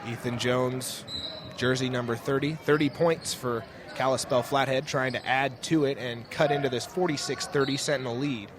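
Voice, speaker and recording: Medium in pitch, steady in tone and moderate in pace, a young man's voice carries live radio commentary of a basketball game. He's calling play-by-play courtside in a school sports gym, where ambient noise and bouncing basketballs come through clearly.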